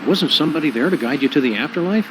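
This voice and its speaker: A man voicing a polite, deadpan, unflappable dog detective in a cartoon video game. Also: on the high side, rapid-fire, background noise, close to an everyday voice. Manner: deadpan, courteous.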